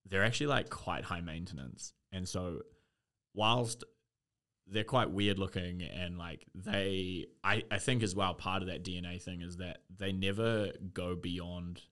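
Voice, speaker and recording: A man's voice: deep voice, a little slow, fairly bright tone. A man chatting loosely as a podcast co-host, rambling with lots of fillers and swearing. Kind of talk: casual chat.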